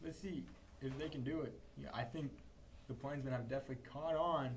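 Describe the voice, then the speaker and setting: A young man doing play-by-play commentary for a high school football livestream, calling each snap in rising bursts. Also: brisk, slight background noise. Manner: calls plays in rising bursts. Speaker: play-by-play announcer.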